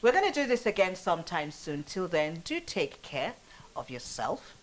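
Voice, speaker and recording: A woman's voice: lowish voice, very animated, normal speed. A woman hosting a talk show, bubbly and laughing often.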